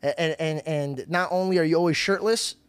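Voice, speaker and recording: A young man hosting a podcast in casual chat, animated and swearing as he tells stories. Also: on the high side, brisk, clear, resonant tone, dry recording. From Syrian heritage. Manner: animated, swearing, laughing storyteller. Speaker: podcast host.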